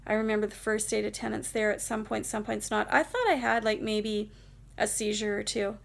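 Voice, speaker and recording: Emotional woman with a gravelly, creaky voice. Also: mid-range voice, fairly even intonation, brisk. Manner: emotional, rambling, filler-heavy storytelling. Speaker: vlogger telling a personal story. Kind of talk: casual storytime monologue.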